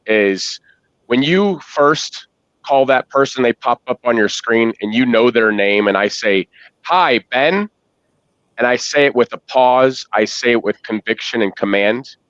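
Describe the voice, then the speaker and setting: Male consulting guest, measured pacing, dry dull recording. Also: mid-range voice, a bit bright, dry recording. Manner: measured, deliberate, uses pauses. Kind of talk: business discussion with demo pitches. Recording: dry, muffled audio.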